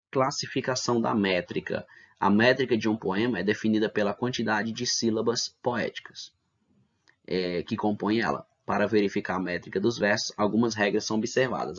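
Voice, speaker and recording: A low-pitched male teacher walks pupils through an online lesson step by step. He asks himself rhetorical questions and keeps checking in with his students. The sound is dull and lo-fi, like a basic computer mic. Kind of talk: online lesson for middle school.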